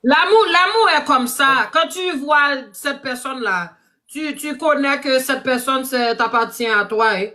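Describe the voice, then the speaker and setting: A woman's voice: high-pitched, animated, unhurried, bright, forceful tone. A woman interjecting insistently in a casual chat as a go-between, repeating her phrases. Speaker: go-between in a live matchmaking chat.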